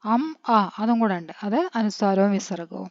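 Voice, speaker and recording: A woman, teaching a patient lesson and spelling letters out slowly, quizzing her pupils as she goes. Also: medium pitch, darkish tone, dry recording. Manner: patient, asks the children questions and answers them. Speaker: Hindi teacher. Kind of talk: classroom-style lesson. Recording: dry, dull lo-fi recording.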